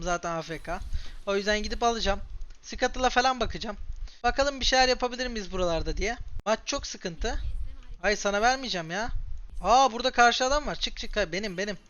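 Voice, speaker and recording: A young man in his twenties rattles off live commentary over his own gameplay, quick and excitable, always talking straight to his viewers. His voice is bright and forceful. The recording sounds a little muffled and lo-fi. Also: high voice. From Turkey. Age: 20s. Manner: excitable, talks straight to viewers while playing. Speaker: gaming streamer.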